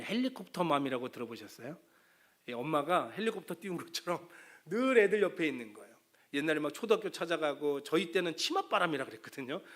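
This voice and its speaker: A man's voice: fairly high pitch, a bit bright. A middle-aged man preaching a sermon as pastor, talking conversationally and acting out the words of parents and children.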